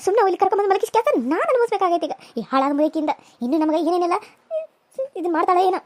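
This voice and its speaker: A woman's voice: very high-pitched, expressive, rapid-fire, voice pushed up. A woman voicing a resentful village wife, bitter and complaining.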